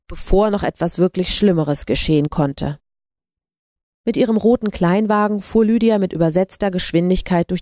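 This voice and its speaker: Woman storyteller, low mellow voice, dry close audiobook read. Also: no echo. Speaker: narrator. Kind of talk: audiobook narration.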